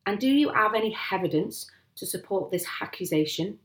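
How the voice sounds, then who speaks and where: A woman's voice: medium pitch, lively intonation, brisk, reverberant, pitched above the performer's own voice, lightly acted, low-quality recording. A pompous country police sergeant from a storybook, acted out by a woman. He speaks ponderously and officially, putting stray aitches on his words and mangling his grammar. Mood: stern, measured. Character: pompous, stern male village police sergeant.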